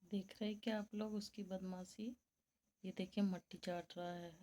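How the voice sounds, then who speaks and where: A woman's voice: flat delivery, normal speed, warm tone. Female home vlogger, casual and chatty, tired, pet-doting. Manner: coos at her rabbits in a high sing-song voice; chatty, addresses viewers as friends.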